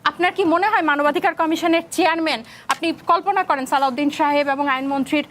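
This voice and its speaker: A woman's voice: high-pitched, quick pace, fairly bright tone, slight background noise. A woman with a Bangladeshi Bengali accent on a political talk show panel, arguing her case and slipping English phrases into her speech.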